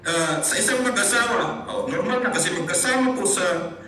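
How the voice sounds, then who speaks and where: A pastor from the Philippines preaches a sermon in a high, piercingly bright voice, blending Tagalog and English and turning again and again to his brothers and sisters. His voice comes from well off the mic and rings around a very echoey room. A faint hiss sits under the recording. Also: animated, normal speed, far from the mic. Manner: preaching with repeated addresses to the congregation; mixes Tagalog and English in teaching.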